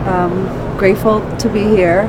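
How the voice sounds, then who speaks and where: Effusive woman, clear noise behind her. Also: mid-range voice, level tone, a little slow. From Cuba. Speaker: cigar maker, interview guest. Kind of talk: casual interview conversation. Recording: clear ambient background noise.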